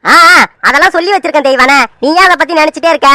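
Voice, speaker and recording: A soothing cartoon village father, voiced by a woman, speaks in a quick and bright tone. The voice sits high and the sound is close and dry. He talks gently and calmly, like someone reassuring his worried wife. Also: dry recording. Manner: calm, soothing, repeats the wife's name. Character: village father, middle-aged man, easygoing and reassuring. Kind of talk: Tamil cartoon serial voice acting.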